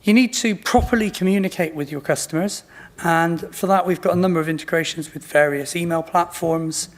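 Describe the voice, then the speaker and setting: A man's voice: fairly high pitch, a little fast. A man in his late fifties with a modern British RP accent, giving an informal product presentation in a self-deprecating manner. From Bristol, England. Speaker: company representative presenting.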